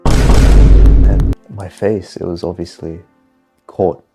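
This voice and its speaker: Male storyteller, deep and creaky, casual confessional delivery with dramatic emphasis. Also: flat delivery, very slow, loud music behind the voice.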